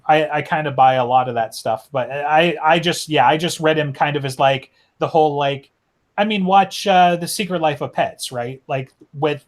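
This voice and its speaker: A man in the middle of a casual podcast discussion about a book. He rambles, stops himself and restarts his sentences, filling gaps with plenty of "like" and "you know". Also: fairly high pitch. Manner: rambling, many fillers and restarts. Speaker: podcast co-host.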